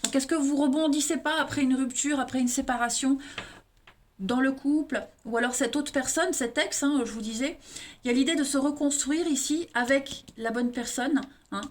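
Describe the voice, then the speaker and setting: She's a tarot reader with an eastern French accent, doing a monthly card reading aimed right at her viewers and sprinkling in "hein" often. Her voice sits high and she keeps a moderate pace.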